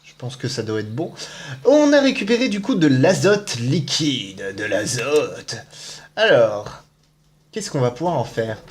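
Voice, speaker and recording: A man's voice: on the high side, sing-song, measured pace. A man giving casual, playful commentary as he plays a video game, exclaiming and muttering to himself. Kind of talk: casual let's-play commentary.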